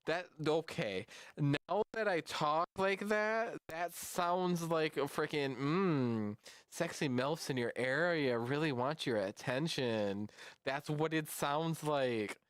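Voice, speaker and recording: A man's voice: fairly high pitch, slow pace, clear, resonant tone, no room sound. A man streaming live, chatting casually with his viewers in a rambling way while reacting to memes. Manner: rambling and chatty, talks to chat.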